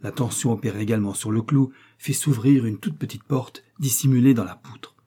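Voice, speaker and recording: Male audiobook reader, mellow husky tone, steady novel narration. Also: medium pitch, a little fast. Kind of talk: scripted narration of a wartime novel.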